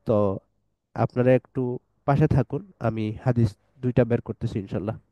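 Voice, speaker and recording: A man teaching an online tajweed lesson, explaining letter sounds patiently step by step and reciting verses slowly. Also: medium pitch, fairly even intonation, no room sound, dull audio.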